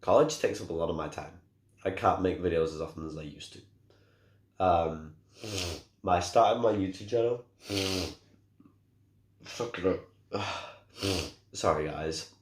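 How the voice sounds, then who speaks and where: A young man with a hoarse, cracking, very deep voice, talking casually and rambling in a vlog about being ill. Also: measured pace, long pauses, reverberant. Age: young adult. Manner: rambling, restarts often, apologetic. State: hoarse, sore throat. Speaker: gaming YouTuber.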